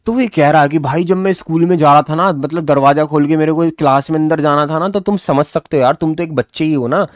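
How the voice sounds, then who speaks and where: A man's voice: on the high side, brisk, few pauses, no room sound. A man teaching a lesson casually, reading English lines aloud and explaining them in a chatty way. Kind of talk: casual classroom-style lesson.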